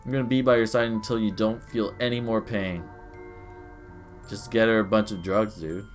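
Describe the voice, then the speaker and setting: A young man streaming a game, making crude jokes and loud reactions in casual chat. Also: fairly low pitch, fairly even intonation, normal speed. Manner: joking, crude, reacting loudly. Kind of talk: casual live game commentary. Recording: faint game music behind.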